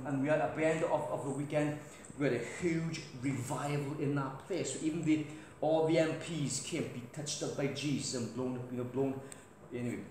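Speaking at a medium pitch, a middle-aged man with a British accent preaches loudly as a guest, weaving anecdotes into his sermon and moving about a big church hall. It was filmed from afar by a camera without a microphone, and the hall sounds echoey with a little noise.

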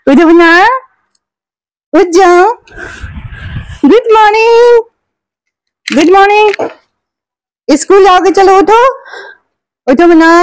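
A woman's voice: very high-pitched, darkish tone, no room sound. A mother with a Rajasthani accent coaxing her child awake in sing-song baby talk, filmed on a phone at home. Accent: Rajasthani Hindi. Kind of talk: casual home vlog.

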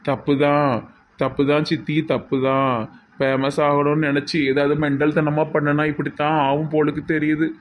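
A man's voice: a little high, completely flat delivery, moderate pace, lightly acted, poor audio. A man playing a sheepish, complaining young husband in a comedy skit, with a Tirunelveli Tamil accent. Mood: grumbling.

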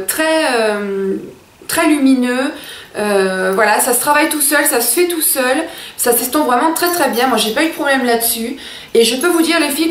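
A woman's voice: on the high side, slight background noise. A young woman reviewing makeup in a chatty, gushing way, talking straight to her viewers. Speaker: beauty vlogger. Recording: echoey room, mic at a distance.

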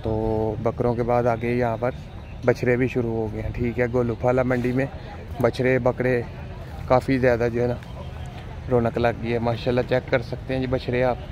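A man's voice: mid-range voice, moderate pace. A man walks through an outdoor cattle market and narrates for his video, repeating his praise of the animals over and over. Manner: flat, repetitive, keeps praising the animals. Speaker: vlogger touring a cattle market. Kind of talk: walking tour commentary. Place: outdoor livestock market under tents. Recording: outdoor noise behind voice.

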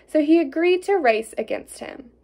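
A woman reading a fairy tale aloud in an expressive storytelling way, with small slips. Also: high voice, moderate pace, creaky.

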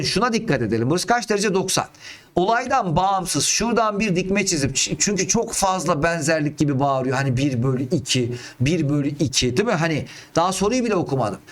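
A middle-aged man, a math teacher, talking through geometry problems step by step and asking himself questions as he works on a close mic. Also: high voice. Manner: thinks aloud, asks himself questions.

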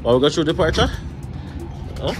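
With music behind him, a father who vlogs about his family talks briskly in a voice on the high side, his Jamaican accent coming through as he casually walks a small indoor airport terminal. The narration to camera is relaxed and chatty.

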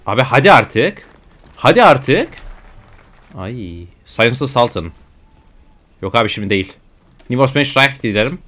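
A man's voice: medium pitch, a bit bright. A young man giving casual, slangy commentary while playing a strategy game, often grumbling in exasperation at it. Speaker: gaming YouTuber. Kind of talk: casual let's-play commentary.

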